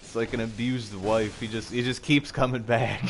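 A man's voice: medium pitch, fairly even intonation, moderate pace, slight background noise. A young man chatting casually and crudely while playing a video game, with game sound behind. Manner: crude, slangy banter. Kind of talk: casual joking gameplay chat.

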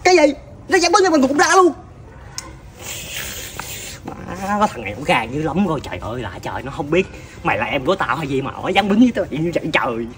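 In a comedy skit, an adult plays a hot-tempered older relative with a Southern Vietnamese accent, loudly scolding in exasperation with repeated sighing exclamations. The voice is extremely high-pitched and racing.

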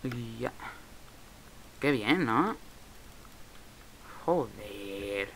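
Gravelly young Spaniard muttering through gameplay. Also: male voice, medium pitch, lively intonation, very slow, fairly bright tone, slight background noise, rough recording. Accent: Spain Spanish. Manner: muttering to himself, swearing at lag. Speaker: Minecraft let's player. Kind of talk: casual gameplay commentary.

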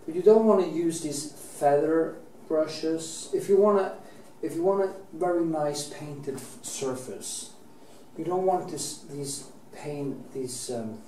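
This painting teacher, a middle-aged man from Norway with a Norwegian accent, speaks slowly in a mellow, fairly high voice as he paints during an indoor studio demonstration. His talk wanders, with restarted sentences and the occasional casual curse. Picked up by a distant camera mic, the audio is roomy and far off, with a faint hiss underneath.

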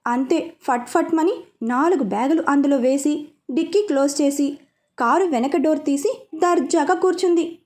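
A woman reads a serialized story aloud with a clearly high voice. Her delivery is lively and steady, carrying the narration between the scenes. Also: moderate pace.

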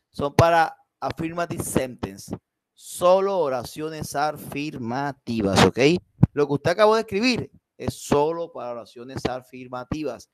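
A man's voice: medium pitch, background noise. A man teaching a live online English class, switching between Spanish and English and checking in with his students.

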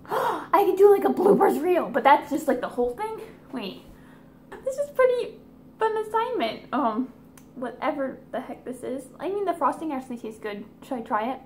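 A woman's voice: high-pitched, very animated, moderate pace, a little mellow, slight background noise. A woman hosting a casual prank vlog, chatty and bubbly, with whispered asides. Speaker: vlogger.

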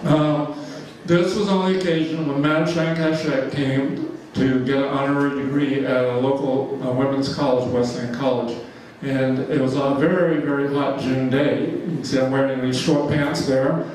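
A man in his seventies from Georgia, USA, gives a casual slide talk in a large church hall, rambling with many fillers and frequent chuckles. His mid-range, darkish voice stays steady at a moderate pace with hardly any pauses. The echoey recording has the mic far off and a little hiss or hum.

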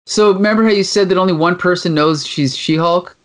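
Host type: chatty man from Canada, somewhat high voice, lively retelling. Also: a little fast. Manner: animated, reads comic lines in playful voices. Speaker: podcast co-host. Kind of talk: casual chat retelling a comic.

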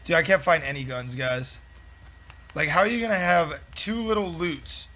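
Raging young male gamer, bright and high. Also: normal speed. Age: young adult. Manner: raging gamer, exasperated complaining. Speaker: video game streamer. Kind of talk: live gameplay commentary with slangy chat to viewers. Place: small room at home.

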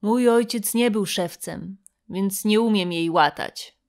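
A woman's voice: mid-range voice, takes it slowly, a little mellow. A woman voicing a bitter, cowardly old Greek man who snaps back with biting retorts. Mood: sneering.

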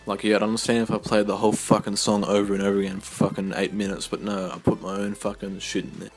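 A man's voice: fairly low pitch, flat delivery, fast, soft background music. A young man casually telling stories to camera in a blunt, profane, laid-back way. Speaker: YouTuber.

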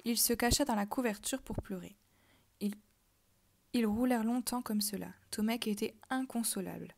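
A woman reading a children's novel aloud, telling the story softly and dropping to a whisper at tense moments. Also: a little high, normal speed, vocal fry. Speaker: reader.

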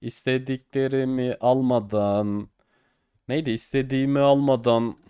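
A young man giving casual commentary while opening game cases online. He gets excitable, swears and pleads at the screen. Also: medium pitch, unhurried, smooth, no room sound, clean studio sound. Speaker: case-opening streamer.

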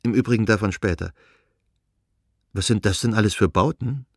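A male reader voicing Dolly, a worn, kind woman who speaks in a measured, somewhat reserved way, in an audiobook reading. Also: lowish voice, slightly rough, no room sound, studio quality. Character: Dolly, worn, kind older friend, restrained.

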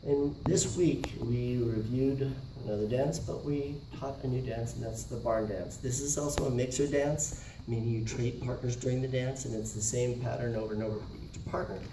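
With a steady tone, a moderate pace and few pauses, the middle-aged man's mid-range voice counts out steps and gives short directions during a dance lesson demonstration. A camera across the large carpeted indoor multipurpose room records him, so the audio is roomy, distant and faintly noisy.

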